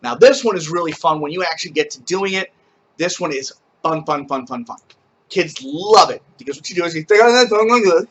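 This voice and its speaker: A man teaches a camp skit from home in a chatty, step-by-step way. His voice is bright and sits slightly high. He often breaks into loud, rising chanting. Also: lively intonation, brisk, dull audio. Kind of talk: casual instructional video, chanting call-and-response.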